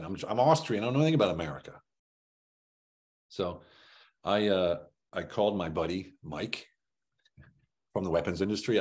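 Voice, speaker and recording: This is a motivational training talk from a middle-aged business trainer from Germany with a low voice, who fills it with anecdotes and business stories. His delivery is animated: he acts out dialogue and poses punchy rhetorical questions. He's indoors in a room on a group video call, heard through the video call microphone.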